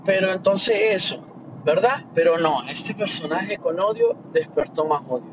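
Man, fairly high voice, rambling and earnest, distant muffled mic outdoors, loud traffic behind. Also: lively intonation, normal speed. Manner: rambling, repeats words, earnest and indignant. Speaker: commentator sharing opinions. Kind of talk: casual monologue.

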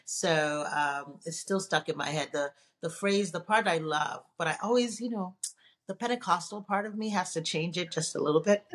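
Low-voiced woman from Nigeria, podcast guest. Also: moderate pace. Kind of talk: casual interview conversation.

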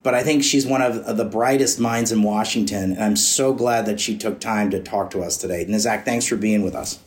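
A man's voice: on the low side, moderate pace. A man hosting an interview podcast, giving admiring introductions to his guest. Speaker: podcast host.

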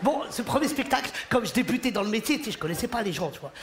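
A stand-up comedian, a man, performs an animated, joking routine on a theater stage and puts on voices for the people in his stories. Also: very high-pitched, racing, crowd noise. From Morocco. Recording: live show in a hall, audience laughter. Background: audience laughing and cheering.

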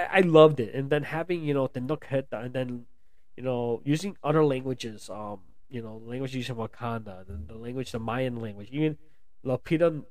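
A man's voice: mid-range voice, no room sound. An American man giving a casual, rambling film review, with lots of restarts and fillers. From United States. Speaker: movie reviewer.

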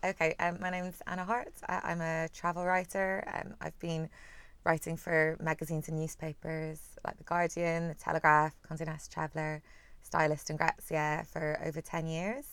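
Low-voiced woman, soft well-travelled Northern Irish accent. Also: level tone, moderate pace, clean tone, no room sound. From Belfast, Northern Ireland, partly raised in Singapore. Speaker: travel writer being interviewed. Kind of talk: conversational interview.

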